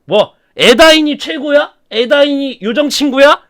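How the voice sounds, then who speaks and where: A man voicing a cruel, mocking male dark lord who taunts and roars at his prisoner. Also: very high-pitched, expressive, normal speed, voice pushed up, exaggerated voice. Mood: sneering. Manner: taunting, sneering, laughing and roaring.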